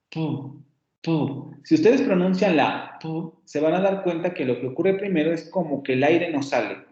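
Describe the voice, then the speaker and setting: A man's voice: a little high, a little mellow. A male university teacher with a Mexican Spanish accent giving an online phonetics lecture, patiently explaining and repeating sounds aloud as demonstrations. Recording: echoey room, dull lo-fi audio.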